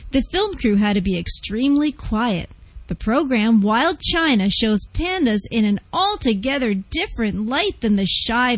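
A woman's voice: fairly high pitch, no room sound. A woman radio reporter reading a scripted feature narration.

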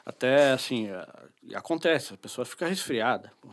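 A man's voice: mid-range voice, expressive, moderate pace. A man, an audiobook studio director explaining his work in colloquial, casual conversation.

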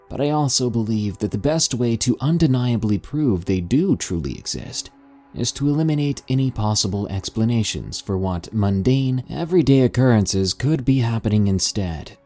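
A man's voice: lowish voice, a little mellow. A man hosting and reading scripted material in the manner of a storyteller. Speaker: host and narrator of listener-submitted scary stories.

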